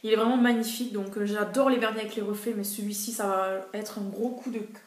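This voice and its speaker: A woman's voice: medium pitch, fairly even intonation, fast talker, roomy sound. A woman vlogger casually reviewing her monthly beauty favorites, chatty and hesitant, with frequent fillers.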